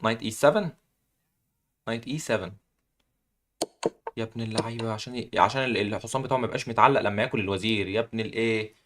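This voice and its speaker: A young man with an Egyptian accent hosting a live chess puzzle contest, excitedly cheering the players on. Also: lowish voice, rapid-fire, pauses often, background noise. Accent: Egyptian Arabic. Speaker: chess stream host.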